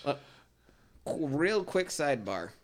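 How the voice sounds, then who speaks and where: A man's voice: on the high side, sing-song, slow pace. A man co-hosting a podcast, chatting casually about movies in a rambling, self-deprecating way. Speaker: podcast co-host.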